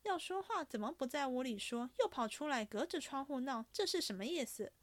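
A woman voicing a sharp-tongued, jealous young noblewoman who runs the household, speaking in a teasing, probing, commanding way. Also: high voice, lively intonation, a little fast, dry recording, pitched above the performer's own voice.

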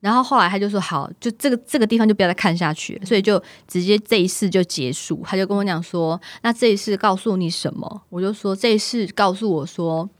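A woman's voice: medium pitch, fast talker, hardly any pauses, no room sound. A woman, co-hosting a podcast and telling a personal story, acting out the dialogue as she goes. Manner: animated storytelling, acts out dialogue, laughs. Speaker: podcast co-host. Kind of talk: casual chat.

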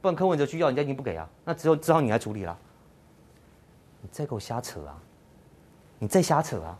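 A man with a Taiwanese Mandarin accent hosting a political talk show, ranting sarcastically and firing mocking rhetorical questions. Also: on the high side. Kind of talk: heated political commentary.

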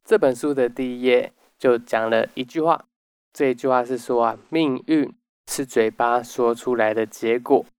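A man hosting a book summary talk, explaining step by step and dropping in soft "oh" particles. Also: mid-range voice, moderate pace, smooth, no room sound, soft background music. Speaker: podcast host.

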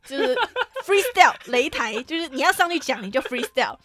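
A young woman with a Taiwanese Mandarin accent co-hosting a podcast. She chats casually, laughs often and drops swear words while telling animated stories. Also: sits high, a little fast. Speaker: podcast co-host. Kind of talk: casual chat.

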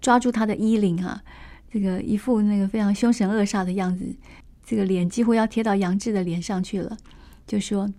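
A woman retells an old classic novel in a relaxed, chatty way, full of small fillers and asides. Her voice sits at an ordinary mid pitch for a woman. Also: brisk. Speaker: storyteller.

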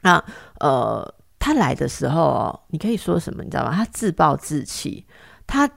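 A Taiwanese woman host, a psychotherapist, recounts a case in lively, chatty talk. Her voice has a gravelly, creaky edge. She keeps asking rhetorical questions and repeating herself. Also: deep voice, normal speed. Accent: Taiwanese Mandarin. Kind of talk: casual conversational storytelling.

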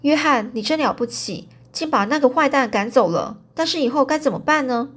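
A woman's voice: fairly high pitch, expressive, moderate pace. A woman voicing an anxious young woman who pleads and worries aloud. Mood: worried.

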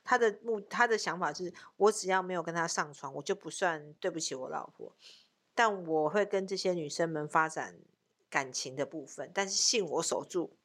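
A woman co-hosting a frank, animated relationship chat and telling stories. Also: fairly low pitch, brisk. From Taiwan. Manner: animated storyteller, bursts of laughter. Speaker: co-host, tarot reader.

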